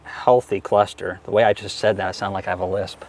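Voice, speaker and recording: Easygoing low-voiced man talking bees. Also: level tone, fast, a little hiss or hum. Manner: easygoing, chatty and enthusiastic. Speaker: beekeeper being interviewed. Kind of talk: casual interview answers while working a hive. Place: outdoors at a beehive.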